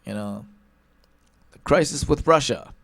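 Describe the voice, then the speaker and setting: A man's voice: mid-range voice, measured pace, vocal fry, fairly bright tone, no echo. A male talk show host giving an emphatic political commentary monologue, hammering one point again and again and tagging his lines with "all right?" and "okay?".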